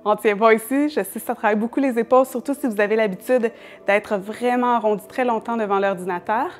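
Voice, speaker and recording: A yoga teacher with a Quebec French accent, guiding a class in a fairly high voice. She gives calm, step-by-step instructions and laughs lightly now and then. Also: fast talker, soft background music.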